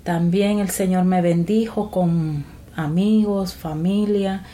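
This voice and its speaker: Mellow woman in her forties. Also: on the low side, fairly even intonation. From El Salvador. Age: 40s. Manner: earnest and unhurried, with devout phrasing. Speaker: guest. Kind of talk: personal testimony in conversation.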